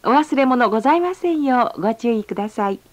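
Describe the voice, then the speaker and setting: A woman reading a polite, formal onboard train announcement, slowing down to stretch out each station name. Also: fairly high pitch, expressive. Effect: recorded onboard train announcement. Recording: slightly dull lo-fi sound.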